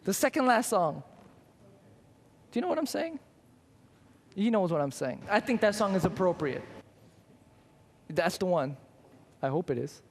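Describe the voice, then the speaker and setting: A man's voice: high-pitched, sing-song, moderate pace, pauses often, a little mellow, in a large hall. A male pastor preaching a sermon in a church, emphatic, repeating phrases and asking rhetorical questions. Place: church sanctuary.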